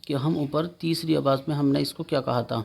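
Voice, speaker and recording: A man teaching Quran reading, slowly drilling letters one by one and explaining how to pronounce them. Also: a little high, fairly even intonation, creaky, darkish tone. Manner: slow, repetitive letter-by-letter drilling with short explanations. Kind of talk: spelling lesson, drilling Arabic letters.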